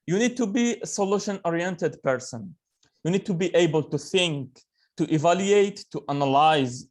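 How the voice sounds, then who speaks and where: Earnest young man from Algeria. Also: fairly high pitch. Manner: earnest, many fillers and restarts. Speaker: webinar speaker. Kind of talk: motivational talk on a video call.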